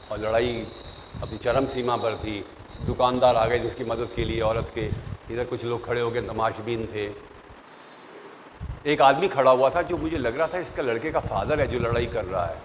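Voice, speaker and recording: Animated and full of stories, an older male professor advises a class on interviews, slipping in English phrases and voicing the characters he quotes. He speaks in a mid-range voice, heard through long reverb with faint noise.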